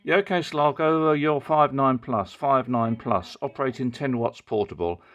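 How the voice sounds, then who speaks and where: A British man working as an amateur radio operator and vlogger, talking casually and repeating key details in an unhurried way. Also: mid-range voice, a bit bright, muffled recording. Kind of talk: casual radio contacts and commentary to viewers.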